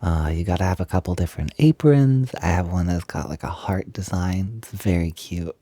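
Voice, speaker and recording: A young man with a low, mellow voice performs a one-sided audio roleplay as a playful, eager, feminine male roommate, speaking at normal speed on a dry recording. He's chatty and coaxing but hesitant, and the intimate piece sounds improvised.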